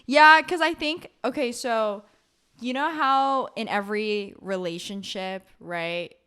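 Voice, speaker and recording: A young woman co-hosting a podcast, chatting casually and telling personal stories in an excitable, giggly way. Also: a little high, slow pace, smooth. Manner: excitable, giggly, animated storyteller. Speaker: podcast co-host. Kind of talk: casual chat, personal storytelling.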